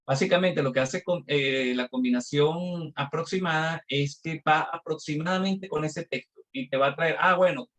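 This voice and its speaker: A man's voice: fairly high pitch, moderate pace, few pauses, a bit bright. A male instructor teaching a live online class, explaining patiently step by step with examples.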